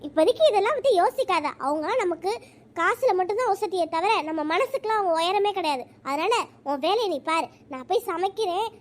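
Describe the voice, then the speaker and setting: A performer voicing a calm middle-aged village mother in a cartoon, soothing and giving advice in a softer, lower tone. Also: brisk. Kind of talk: cartoon voice acting.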